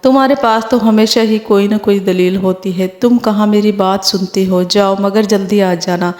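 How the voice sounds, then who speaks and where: A woman's voice: medium pitch, steady tone, a little mellow, lightly acted. A woman narrator voicing a middle-aged mother who scolds her daughter but cares for her. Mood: motherly. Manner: scolding then comforting. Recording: roomy echo.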